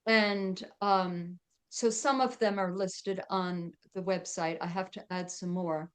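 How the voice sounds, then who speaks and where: A woman's voice: on the low side, steady tone, takes it slowly, smooth. A middle-aged woman chatting as a podcast guest, with lots of fillers and frequent laughs. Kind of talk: casual interview chat.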